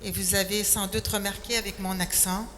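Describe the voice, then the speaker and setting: An echoey hall with faint noise carries the flat, mid-range voice of an older woman from Quebec City, Canada. Speaking Québécois French, she unhurriedly tells her faith testimony, often starting with "alors".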